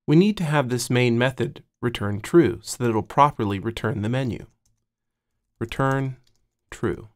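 A man narrates a screencast lesson as the instructor. His voice sits at a middle pitch, and he speaks in a measured, step-by-step way, dictating items piece by piece close to the mic. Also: lively intonation. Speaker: tutorial instructor.

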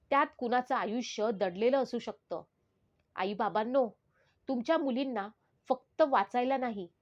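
A woman's voice: medium pitch, lo-fi sound. A woman narrating in the first person as the spirit of a murdered teenage schoolgirl, in a solemn, pleading manner.

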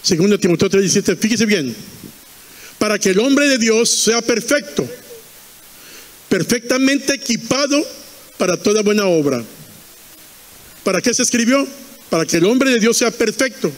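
A man's voice: sits high, lively intonation, measured pace, pauses often, long reverb tail. A man preaching a fervent sermon in a church, repeating lines and quizzing the congregation.

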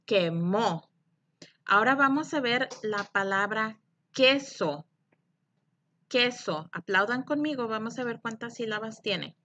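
A middle-aged woman teacher leading a slow, deliberate phonics lesson for young children, clapping out syllables. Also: fairly high pitch, sharp tone, highs cut off, slight background noise.

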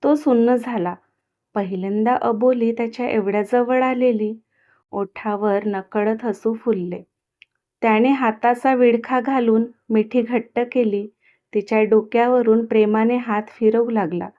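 A woman narrates an audio story in a steady, expressive reading. Her voice sits fairly high. The recording sounds dull and lo-fi. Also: measured pace.

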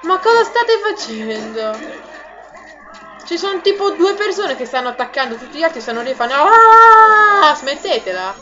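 A high-voiced woman narrates a strategy game as she plays, excitable and chatty, often laughing and calling out to her viewers. The audio is a little dull and lo-fi, with game music clearly audible behind her. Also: a little fast. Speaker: gaming video host. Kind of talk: let's play commentary.

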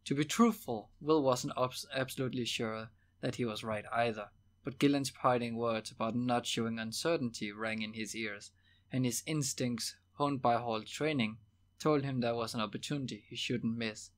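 A man narrating a novel as an audiobook in a steady, measured reading voice. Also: mid-range voice. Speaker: audiobook reader.

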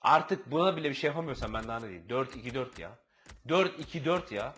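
A gaming channel host commentates his own football video game match in a fast, expressive, fairly bright mid-range voice. He swears, groans, and slips into mock play-by-play. The low-quality recording carries a little hiss or hum.

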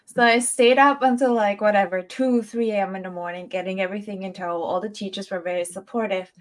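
A woman at a medium pitch. She tells her story in a casual, conversational way, as a guest being interviewed over a video call through earbuds. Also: fairly even intonation, a little fast. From Austria. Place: indoor room, video call. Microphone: wireless earbuds on video call.

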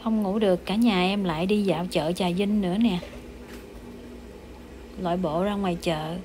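A woman's voice: lowish voice, normal speed. A woman with a southern Vietnamese accent chatting casually to viewers as a vlogger while out at a night market. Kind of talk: casual vlog narration and chat. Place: outdoor street market at night. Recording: loud outdoor street and traffic noise.

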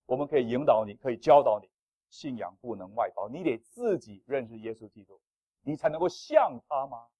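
A male pastor preaching a sermon in an animated, playful way, with self-deprecating humor. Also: medium pitch, a little fast, vocal fry, husky, dry recording.

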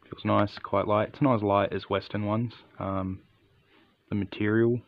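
A man's voice: fairly low pitch, flat delivery, measured pace, vocal fry, no room sound, highs cut off. A man giving a casual, unscripted hands-on product review in an understated, matter-of-fact way.

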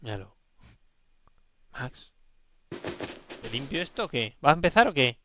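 A young man with a Spain Spanish accent, giving let's play commentary, excitable and swearing while bantering with game characters. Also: mid-range voice, unhurried, a little hiss or hum. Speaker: gaming video host.

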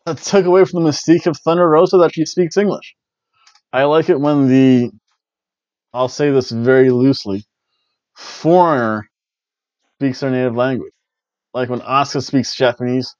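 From a small indoor home room with bookshelves, a middle-aged wrestling review host rambles through a casual recap, chatty and jokey, with loose play-by-play and playful exclamations. His middle-pitched, slightly mellow voice runs a little slow, pausing often. A headset mic on a webcam call gives a dull, lo-fi, dry, close sound.

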